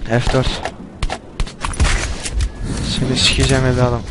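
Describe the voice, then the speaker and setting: A young man commentating a game as he plays, panicking, swearing and yelling at it. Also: medium pitch, completely flat delivery, quick pace, heavy background noise. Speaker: gameplay commentator. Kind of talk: let's play commentary.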